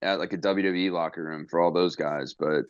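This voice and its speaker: Brief: low, smooth-voiced male podcast host, loose and profane, muffled dry sound. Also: fairly even intonation, brisk, dry recording. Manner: rambling, profane, with many fillers and restarts. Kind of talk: casual podcast chat.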